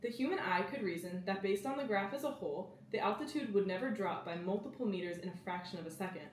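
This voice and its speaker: A teenage girl reading a scripted project presentation in a calm, explaining way. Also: mid-range voice, fast talker, slight background noise. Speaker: student presenter. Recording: echoey room, mic at distance.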